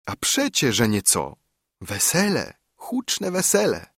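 A pious old widowed mother, as a male reader puts her on, her voice lifted high and swooping widely as she coaxes and comforts. Her tone stays husky underneath, read slowly in a dry, close storybook recording. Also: wildly swooping pitch, no room sound, heavily acted. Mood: soothing. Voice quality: warm, soothing folk speech. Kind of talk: audiobook reading.

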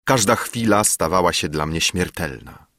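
A man's voice: deep voice, expressive, normal speed, fairly bright tone, dry recording, clean studio sound. A man narrating a classic novel in the first person, reading expressively with dramatic shifts. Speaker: audiobook narrator. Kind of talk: literary audiobook narration.

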